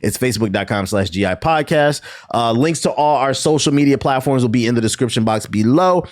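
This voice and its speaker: A man's voice: medium pitch, animated, a little fast. A man hosting a podcast in a casual, profanity-sprinkled conversational way. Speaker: podcast host.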